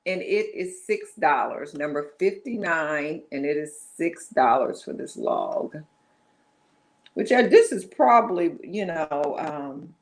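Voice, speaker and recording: A woman's voice: low-pitched, darkish tone. Woman rambling about items for sale, voice bounces up and down a lot, corrects herself. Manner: chatty, meandering, self-correcting. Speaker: online live sale host. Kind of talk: casual live-stream selling chat.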